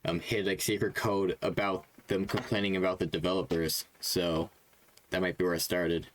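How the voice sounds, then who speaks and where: A man with a lowish voice chatting on a gaming podcast, often stumbling over his words and restarting. A faint hiss sits behind him. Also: flat delivery, normal speed. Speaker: podcast co-host. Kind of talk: casual chat.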